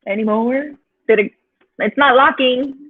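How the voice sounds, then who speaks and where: A Mexican woman with a Mexican accent leads an online teaching workshop for teachers, chatty and encouraging with lots of filler sounds. Her voice is high and unhurried, heard through tinny, dry video-call audio.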